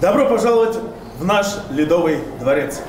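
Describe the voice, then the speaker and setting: A man with a high voice announces over a PA system. He is heard from a distance, with heavy hall echo and a background hiss, and his declamatory welcome fills the ice arena. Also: expressive, normal speed. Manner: bright, declamatory announcer delivery. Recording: distant, echoey PA with noise.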